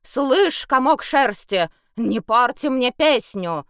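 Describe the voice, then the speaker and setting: A woman voicing a tipsy, pompous male elf bard in an audiobook, talking in a high, flowery, theatrical way. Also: expressive, normal speed, a bit bright, clear, resonant tone, no room sound, clean studio sound, close to an everyday voice. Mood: angry.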